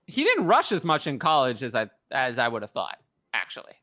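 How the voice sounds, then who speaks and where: A man co-hosting a casual sports talk show, chatting in an animated way. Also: mid-range voice, fairly quick. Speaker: podcast co-host.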